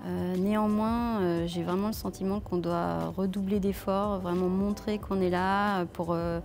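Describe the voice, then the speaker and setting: Filmed on a lapel mic in a leafy outdoor courtyard with soft music behind her, a French head chef in her thirties responds to interview questions, full of fillers and restarts. Her mid-range voice stays steady and unhurried.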